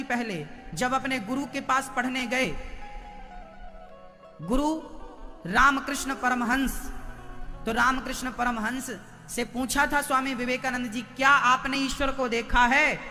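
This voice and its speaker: High-pitched guy preaching a sermon, bright voice, hall echo and soft music behind. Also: takes it slowly, pauses often. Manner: storytelling, rhetorical questions to the crowd. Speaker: spiritual preacher. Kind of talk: devotional sermon. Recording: long hall reverb with faint music.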